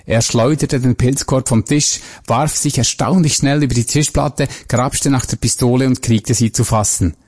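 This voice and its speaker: Guy reading a crime story, measured, husky dark voice. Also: mid-range voice, steady tone. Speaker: narrator. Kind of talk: scripted story narration.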